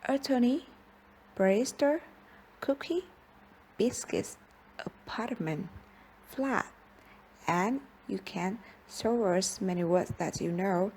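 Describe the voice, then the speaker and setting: A young woman whose first language is Vietnamese gives a class presentation at an unhurried pace. Her voice is mellow and soft-edged, and she leaves small pauses between listed words. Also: medium pitch, lively intonation, a little hiss or hum. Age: young adult. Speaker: student presenter.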